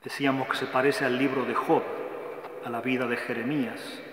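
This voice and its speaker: A man's voice: mid-range voice, flat delivery, fairly quick, fairly bright tone. A man, a Dominican friar, giving a scripture lecture, often tagging phrases with a questioning "eh?" and emphatically reciting lists of verbs. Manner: frequent checking "eh?" tags. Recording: echoey hall with faint background noise.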